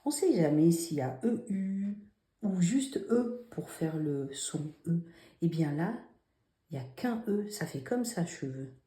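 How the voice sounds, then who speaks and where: A woman's voice: lowish voice, expressive, measured pace, dark tone. A woman teacher walking children through a spelling exercise, patient and step by step, asking them questions as she goes. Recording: roomy echo.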